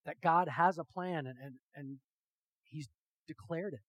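A man preaching a sermon with emphatic rhetorical questions, swinging from hushed to loud and talking directly to his congregation. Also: fairly high pitch, a little slow, no echo, poor audio. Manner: talks with the congregation, asks them questions. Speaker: pastor.

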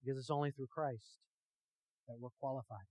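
A man preaching a sermon with emphatic rhetorical questions, swinging from hushed to loud and talking directly to his congregation. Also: medium pitch, fairly even intonation, fairly quick, dry recording, poor audio. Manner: talks with the congregation, asks them questions. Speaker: pastor.

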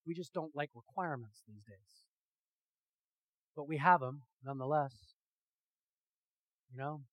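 A man preaching a sermon with emphatic rhetorical questions, swinging from hushed to loud and talking directly to his congregation. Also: a little high, unhurried, no echo, low-quality recording. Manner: talks with the congregation, asks them questions. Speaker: pastor.

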